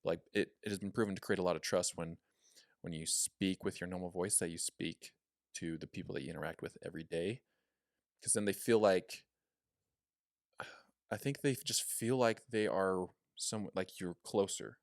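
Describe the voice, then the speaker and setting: Chatty low-voiced young man. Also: normal speed, no echo, clean studio sound. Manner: chatty, filler-heavy, demonstrates voice tones. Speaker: podcast co-host. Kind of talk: casual podcast chat.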